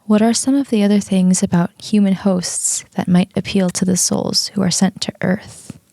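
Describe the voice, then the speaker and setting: A woman voicing a male hypnotherapist who asks his patient careful, measured questions. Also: medium pitch, fairly even intonation, vocal fry, dark tone, no room sound, lightly acted. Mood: probing.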